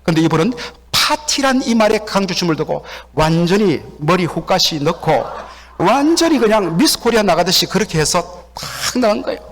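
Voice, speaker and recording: Korean man, pastor, sermon, animated storytelling, high lively voice, church hall reverb. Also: moderate pace. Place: church sanctuary.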